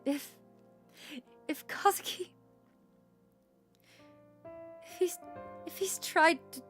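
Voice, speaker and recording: A woman's voice: fairly high pitch, close to an everyday voice. A woman voicing a young policewoman heroine from a story game, trembling and pleading.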